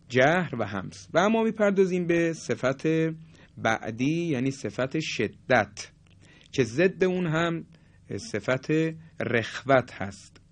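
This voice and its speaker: Man teaching letter sounds with demonstrations. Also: mid-range voice. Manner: deliberate, demonstrates sounds aloud, polite formal address. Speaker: Quran recitation teacher. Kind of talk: explanatory lesson on letter articulation.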